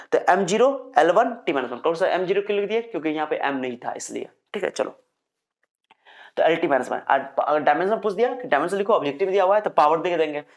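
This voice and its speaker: A young man gives a recorded physics lecture. He works through each point slowly, repeats his own questions and answers them as his students would. He reads English definitions out carefully and sounds a little short on energy. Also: on the high side. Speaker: physics teacher.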